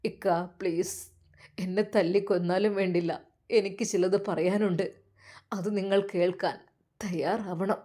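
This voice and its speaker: A woman voicing a desperate young man who begs tearfully and softly in a storybook tale. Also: a little high, unhurried, long pauses. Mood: tearful pleading. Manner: soft, tearful begging.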